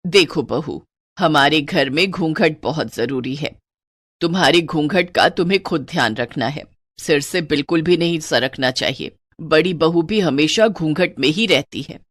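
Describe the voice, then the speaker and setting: A woman's voice: low voice, animated, measured pace, fairly bright tone, dry recording, full character voice. Strict, traditional mother-in-law who lectures and scolds, as a woman puts her on for a cartoon story. She sounds commanding and firm. The recording is dry and close. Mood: stern.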